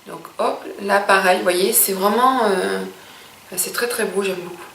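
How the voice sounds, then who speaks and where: A woman's voice: medium pitch, normal speed, creaky, fairly bright tone, roomy sound, recorded from a distance, a little hiss or hum. A woman beauty vlogger reviewing makeup in a chatty, gushing way, with many hesitations.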